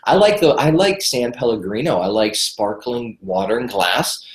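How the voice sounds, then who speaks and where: This Michigan man sounds congested as he talks, very animated, at a moderate pace, with a medium-pitched voice in a roomy-sounding space. He's a guest health expert on a podcast interview, chatty and enthusiastic, and he tends to repeat words when beginning a sentence.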